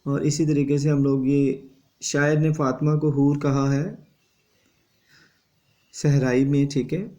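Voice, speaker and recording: A man teaches an exam revision lesson. His voice is mellow and dark, and his pitch stays flat as he lectures steadily. He adds a confirming tag after each point. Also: long pauses.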